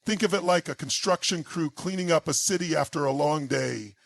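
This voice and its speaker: A man's voice: a little high, fairly quick, gravelly. A man giving an intense motivational speech in short, emphatic, punchy phrases. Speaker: motivational speaker.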